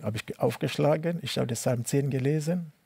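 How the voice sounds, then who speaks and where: A middle-aged man from Cameroon telling his life story in an interview, speaking halting, non-native German with many restarts and repeated words. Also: medium pitch, creaky, dark tone, breathy edge, dry recording. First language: not German. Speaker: interviewee, tennis coach. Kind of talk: personal testimony interview.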